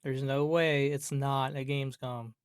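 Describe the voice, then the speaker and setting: A man's voice: mid-range voice, little pitch movement, a little slow, smooth, no echo. Exasperated man ranting, dry close sound. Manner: exasperated, grumbling, sweary complaining; emphatic repetition, rhetorical questions. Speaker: gaming commentator. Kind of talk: unscripted rant about a video game.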